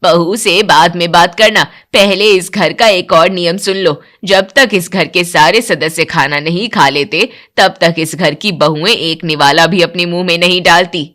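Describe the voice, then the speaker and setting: A woman's voice: lowish voice, measured pace, few pauses, a bit bright, voice pushed down. A woman voicing a strict older mother-in-law who lays down the house rules in a cartoon story. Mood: stern.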